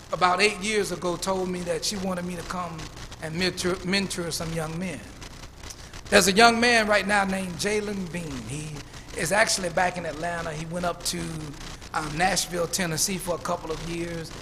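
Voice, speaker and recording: Male pastor, fifties, high voice, storytelling sermon, reverberant church hall. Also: sharp tone. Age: 50s. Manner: preacherly storytelling, repeats words when building up. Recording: church hall reverb, faint room noise.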